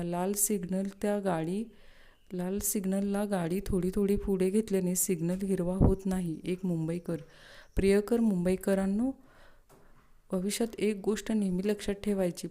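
Dark-voiced woman reading jokes. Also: medium pitch. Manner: brisk plain delivery with occasional slips and restarts. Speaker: joke reader.

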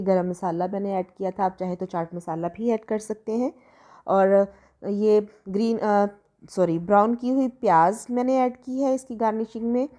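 A woman's voice: mid-range voice, warm tone. A woman hosts a cooking channel, explaining a recipe step by step in a chatty, polite voice-over. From Pakistan.

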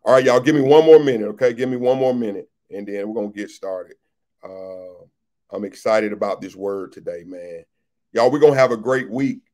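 A man's voice: on the low side, normal speed, dark tone. A man who is a pastor, hosting a casual livestream chat, reading out viewer comments and greeting people by name, often repeating his phrases.

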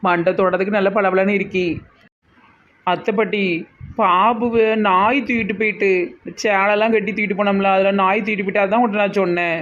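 A woman's voice: medium pitch, fairly even intonation, fairly quick, a bit bright, lo-fi sound, natural voice. Woman playing a muddled young wife, Tirunelveli accent. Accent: Tirunelveli Tamil. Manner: rambling, confused.

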